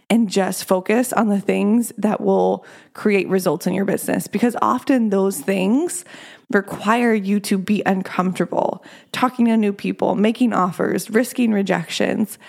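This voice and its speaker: Female business coach for a solo podcast: motivational life-coach delivery, encouraging, direct, with noticeable creak. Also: medium pitch, darkish tone.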